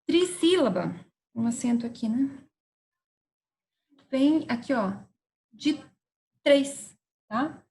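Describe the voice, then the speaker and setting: A woman's voice: high-pitched, animated, gravelly, warm tone, rough recording. A woman teacher, patiently explaining a grammar lesson and checking in with her students as she goes. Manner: patient, spelling words out slowly with frequent "tá?" and "certo?" checks.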